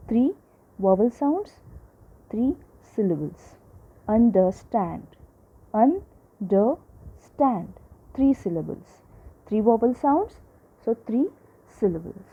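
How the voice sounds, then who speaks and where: A woman teaching a lesson to children, slowly repeating each example and checking in with her listeners. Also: mid-range voice, slightly rough. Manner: slow, repeats examples, checks in with "right?" and "okay?". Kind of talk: classroom lecture. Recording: tinny phone-like audio.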